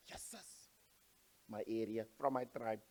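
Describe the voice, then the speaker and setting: A man's voice: lowish voice, fairly even intonation, measured pace. A man with a Cape Town accent co-hosting a casual vodcast chat, teasing playfully and mixing English and Afrikaans. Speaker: co-host.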